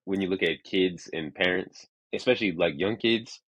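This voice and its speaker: A man in his thirties with a husky, fairly low voice, rambling through his thoughts on a podcast. The sound is dry and close. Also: moderate pace, a bit bright, dry recording, low-quality recording. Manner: rambling, heavy use of "like", restarts. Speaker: podcast co-host. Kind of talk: casual chat.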